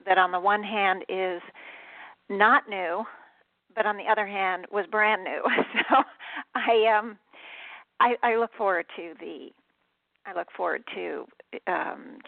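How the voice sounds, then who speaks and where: A woman's voice: medium pitch, takes it slowly, creaky, pauses often, no echo. Woman host talking over the phone. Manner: rambling, chatty, self-correcting. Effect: calling in over the phone. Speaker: talk radio host. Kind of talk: casual spoken monologue. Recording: tinny dry phone line.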